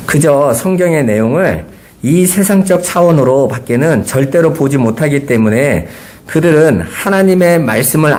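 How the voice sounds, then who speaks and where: A man's voice: medium pitch, a little mellow. A middle-aged man preaching a Sunday sermon as pastor, earnest, asking his listeners rhetorical questions.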